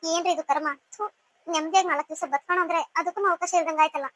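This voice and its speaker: A woman's voice: very high-pitched, steady tone, fast talker, fairly bright tone, rough recording. A woman voicing a fussy, caring sister-in-law in a cartoon serial, alternately scolding and consoling. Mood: grumbling.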